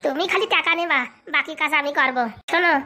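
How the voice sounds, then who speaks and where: Cartoon swindler guru, male, bossy and scolding, very high and rapid, as a woman plays him. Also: bright, forceful tone. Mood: scheming. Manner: bossy, fast-talking, scolding. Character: scheming young male con man posing as holy fortune-teller. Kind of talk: comic cartoon voice acting.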